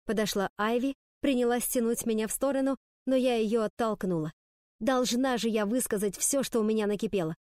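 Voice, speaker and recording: A woman reading first-person narration for an audiobook in a steady storytelling manner. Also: fairly high pitch, brisk, no room sound, clean studio sound.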